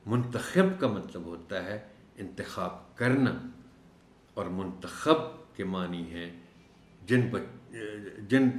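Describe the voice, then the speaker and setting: A man teaching a recorded lesson for teachers, explaining words slowly and drawing out the key ones. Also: low voice, echoey room. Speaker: teacher trainer.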